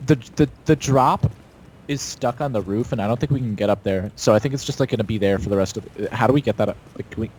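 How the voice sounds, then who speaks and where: A man's voice: on the low side, quick pace, a little mellow, husky. A young man chatting casually while gaming, joking crudely and laughing often. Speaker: co-host.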